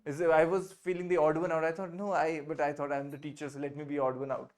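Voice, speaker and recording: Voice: medium pitch, little pitch movement, darkish tone. A French teacher with an Indian English accent leading an online class over a video call, mixing English, Hindi and French and repeating phrases patiently. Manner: patient, drills phrases by repeating them slowly.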